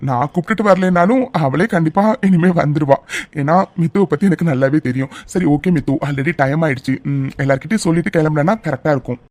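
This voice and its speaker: A voice actor playing a calm, reassuring young husband in a cartoon drama. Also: mid-range voice, fast, no echo, close to an everyday voice.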